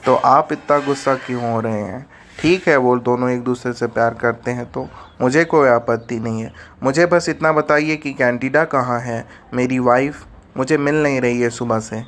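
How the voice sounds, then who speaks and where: A man's voice: medium pitch, fairly even intonation, moderate pace, lightly acted. A man playing a jealous, irritable husband. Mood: calm. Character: jealous middle-aged clergyman husband. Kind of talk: animated story voice-over.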